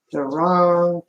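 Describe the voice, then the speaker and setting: Low-voiced Southern US woman in echoey room. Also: lo-fi sound. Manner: folksy, informal. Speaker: livestream host. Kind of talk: casual live-stream chat, greeting viewers. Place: indoor room at home. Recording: echoey room, laptop livestream.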